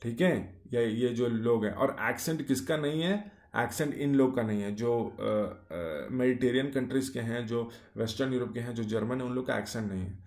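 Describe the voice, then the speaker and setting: A male YouTube explainer with a medium-pitched, slightly mellow voice talks at a moderate pace with hardly any pauses. His casual monologue runs in short clauses full of fillers and rhetorical questions, and the room is echoey.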